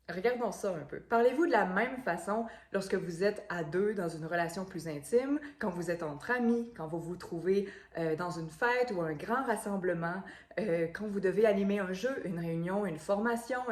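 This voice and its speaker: A woman's voice: mid-range voice, roomy sound. A woman, a voice coach explaining things in an instructional video, with frequent fillers and repeated words.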